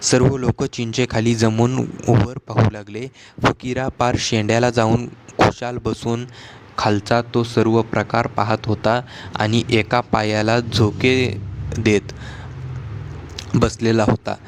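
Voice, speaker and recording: A man reading a novel aloud as an audiobook narrator, in a measured way with small restarts. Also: mid-range voice, level tone, noisy background.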